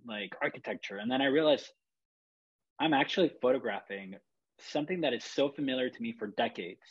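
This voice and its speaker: Hombre de voz ronca, charla relajada. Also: male voice, medium pitch, slightly rough, muffled recording. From Chile. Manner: rambling, reflective, with many fillers and restarts. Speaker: photographer. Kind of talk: casual podcast chat.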